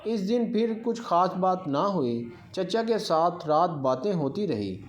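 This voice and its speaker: A man narrating a story in the first person, with an expressive storytelling manner. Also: high voice. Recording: echoey room.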